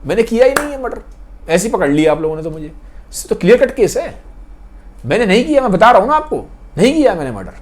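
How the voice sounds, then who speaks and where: A man's voice: fairly high pitch, big pitch swings, normal speed. A man voicing a desperate young man who insists he is innocent, pleading and repeating his denials. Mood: impatient.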